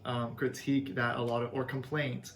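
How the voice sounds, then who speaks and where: A man's voice: mid-range voice, level tone, normal speed, a little hiss or hum. A young Canadian man, a language teacher, explaining things in a friendly, earnest way with some fillers. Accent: Canadian English. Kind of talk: casual video lesson. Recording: echoey room, faint ambience.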